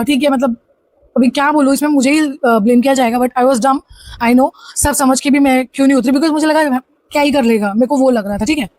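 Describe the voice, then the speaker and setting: A woman vlogger telling a personal story to camera in a casual, animated way, restarting sentences as she goes. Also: sits high, no echo.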